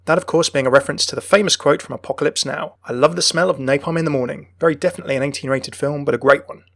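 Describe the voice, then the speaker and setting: A young man hosting a video game channel delivers scripted lore commentary enthusiastically, in a voice that is a little high, a bit bright and marked by vocal fry, speaking very fast. The dry recording places his voice close up over background music.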